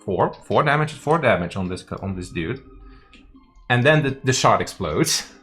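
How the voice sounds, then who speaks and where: Very low-voiced woman game master. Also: animated, normal speed, a bit bright, faint music behind. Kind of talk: running a tabletop roleplaying game, casual.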